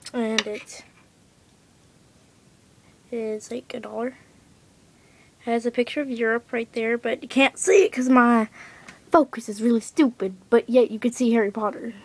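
Chatty, excitable girl vlogging on webcam. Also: on the high side. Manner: chatty, many "like" fillers, excitable. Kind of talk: casual webcam vlog.

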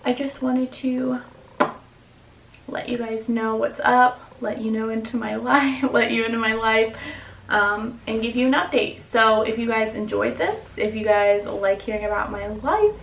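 A woman's voice: fairly high pitch, measured pace, gravelly, roomy sound, a little hiss or hum, rough recording. A woman in her twenties talks candidly to the camera in a casual vlog, filling her speech with "like" and "um". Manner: candid, confessional, filler-heavy. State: emotional, near tears. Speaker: vlogger.

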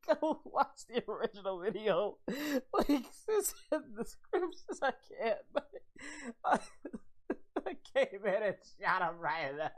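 A woman playing Goku as the host of a reaction video, excitable and quick to shout and laugh. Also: medium pitch. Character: Goku, cheerful young male alien fighter. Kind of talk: reaction commentary.

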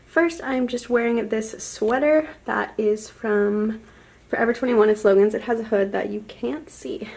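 A woman's voice: fairly high pitch, gravelly, a little mellow. A young woman vlogging in a casual, chatty way, rambling with fillers and restarts. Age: young adult. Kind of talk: casual vlog chat.

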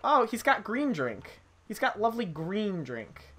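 A woman's voice: mid-range voice, big pitch swings, a little slow, a little hiss or hum. Giggly swearing woman gaming. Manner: giggly, swears, reacts loudly. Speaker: game streamer. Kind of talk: let's play commentary.

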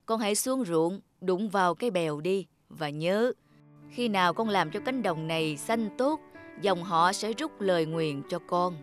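Lady voicing a gentle old buddha spirit man in a kids cartoon, calm and preachy, music under it. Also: fairly low pitch, a little slow. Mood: solemn. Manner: calm, solemn, instructive. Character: kindly wise old male Buddha spirit. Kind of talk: cartoon voice acting. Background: children's music.

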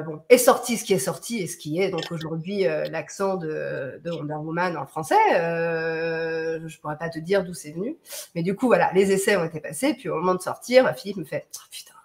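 Hesitant woman chatting casually. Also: on the low side. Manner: hesitant, many fillers. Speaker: dubbing actress guest. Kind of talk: casual live chat.

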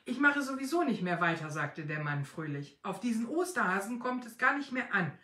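A woman voicing a relaxed, cheerful, slim Father Christmas who wants a holiday, in an echoey room. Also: mid-range voice, normal speed. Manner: easygoing, cheerful.

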